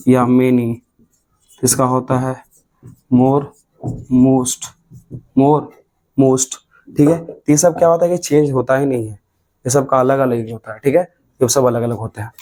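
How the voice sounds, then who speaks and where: A man's voice: mid-range voice, steady tone, measured pace, long pauses, mellow. Bihari Hindi-accented male teacher, mid-range voice, drills grammar rules at a classroom board. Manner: repetitive, drills points, stretches words syllable by syllable.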